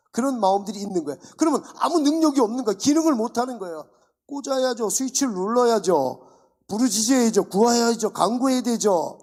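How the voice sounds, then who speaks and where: Animated male pastor with a gravelly voice. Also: high voice. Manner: animated preaching with rhetorical questions and acted-out dialogues. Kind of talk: sermon. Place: church.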